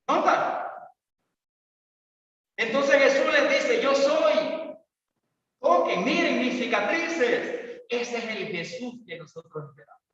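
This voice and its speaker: A pastor preaching an evangelistic sermon, swinging between loud calls and quiet asides. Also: male voice, high voice. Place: church hall. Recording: echoey church hall, distant mic, dull sound.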